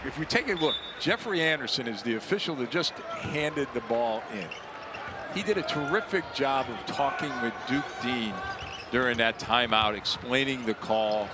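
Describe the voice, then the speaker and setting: A man's voice: medium pitch, expressive, moderate pace. A man giving chatty, folksy color commentary on a live basketball game. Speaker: color commentator, former coach. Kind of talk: conversational live basketball analysis. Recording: noisy arena, loud crowd behind.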